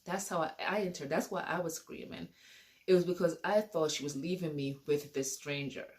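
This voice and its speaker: Woman with a lowish voice telling her own story, rambly, keeps repeating herself. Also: fairly even intonation, normal speed, darkish tone. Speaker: vlogger telling a personal story. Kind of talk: casual personal storytelling.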